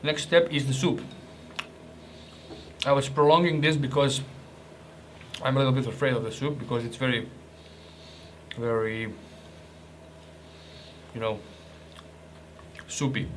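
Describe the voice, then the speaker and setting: A young man talks at a middle pitch in a loose, joking way, stumbling and restarting as he reviews food. A faint hiss sits under his voice. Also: fairly even intonation, measured pace, long pauses. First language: Croatian. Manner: chatty, joking, restarts and hesitations. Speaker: ration reviewer. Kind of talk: casual food review vlog.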